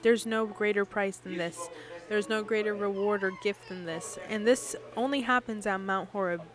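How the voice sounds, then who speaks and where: A woman's voice: mid-range voice, moderate pace, a crowd in the background. A woman giving an interpreted sermon in a preaching cadence, often putting questions to the congregation.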